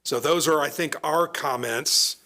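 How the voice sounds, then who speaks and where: A man serving as town manager, explaining matters earnestly at a council meeting, hoarse as he loses his voice. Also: fairly high pitch, unhurried, sharp tone. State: losing his voice. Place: council chamber.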